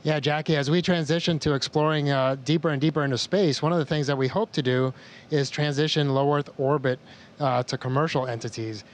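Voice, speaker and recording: A man's voice: fairly high pitch, steady tone, a little fast. An American man speaking as an astronaut in a formal space-to-ground communication style. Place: inside a space station. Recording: faint noise on space-to-ground link.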